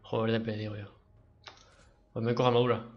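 A man giving live gameplay commentary, excitable and swearing a lot as he talks to his teammates. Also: fairly low pitch, brisk, highs cut off. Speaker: livestreaming gamer.

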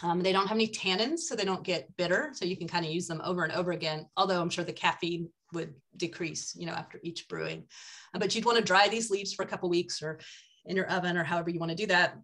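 A woman's voice: lowish voice, fast talker, fairly bright tone. Chatty older woman on a video call. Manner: chatty and enthusiastic, frequent ums. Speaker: foraging guide. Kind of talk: casual presentation over slides. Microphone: webcam on a video call.

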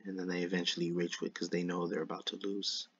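Casual male gaming YouTuber, slushy lisp, monotone delivery, dull dry recording. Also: sits low, fast talker, slightly rough, no echo. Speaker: YouTuber narrating a card game replay. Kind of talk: casual gameplay commentary. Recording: dull lo-fi microphone.

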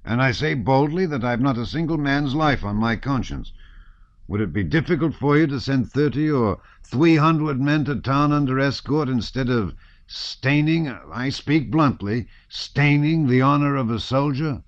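A man's voice: fairly low pitch, animated, moderate pace, no echo, voice pushed up. A man voicing a blunt, hot-tempered partisan commander who speaks heatedly, in a dull lo-fi audiobook recording. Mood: heated indignant.

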